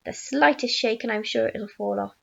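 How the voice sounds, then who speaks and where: Snappish, shrill storybook aunt, acted out by a woman. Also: moderate pace, vocal fry, dull audio. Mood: alarmed, bossy. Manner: shouting, snapping, imperious. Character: bossy, snappish, excitable cruel aunt, storybook villain.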